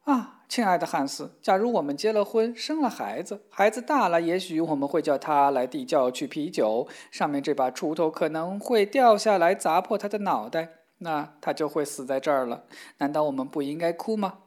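A woman's voice: low voice, expressive, moderate pace, a little mellow. A woman voicing a fretful, tearful young woman in a storybook tale, speaking in an anxious, wailing way. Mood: tearful worry.

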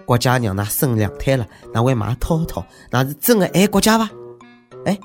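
Over background music, a fairly quick-talking male host with a distinct Shanghai accent delivers comic takes on the news. He mocks and needles sarcastically in a conversational way, his pitch swinging animatedly.

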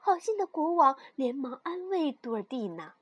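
A woman storyteller reading a fairy tale aloud in expressive, scripted narration. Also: high-pitched, moderate pace, no room sound.

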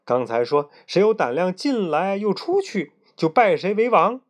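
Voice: medium pitch, big pitch swings, normal speed, pitched above the performer's own voice, natural voice. A storyteller voicing a bold, boastful young male monkey king in a children's story, speaking in a raised, emphatic way. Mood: proud.

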